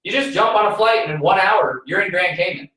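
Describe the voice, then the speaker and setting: A man's voice: high-pitched, a little fast, sharp tone. A man chatting casually as a podcast co-host, telling a story earnestly and often restarting his sentences. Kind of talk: casual chat. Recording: very echoey room, voice far from mic.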